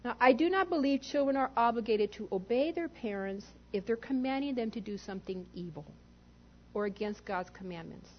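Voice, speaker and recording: A woman's voice: a little high, lively intonation, fairly quick, muffled recording. A woman pastor preaching a sermon in an emphatic way, putting rhetorical questions to the congregation.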